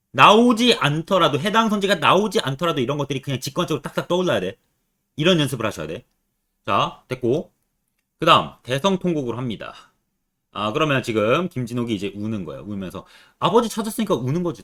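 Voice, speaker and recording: A man's voice: medium pitch, a bit bright. A man teaching Korean literature in an exam-prep lecture, constantly quizzing his students with rhetorical questions.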